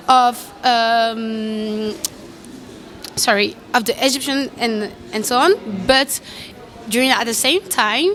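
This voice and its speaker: A woman from Congo, not a native English speaker, arguing her point in a debate with frequent pauses and searches for words. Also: sits high, a bit bright, slight background noise. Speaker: debate participant. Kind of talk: street debate.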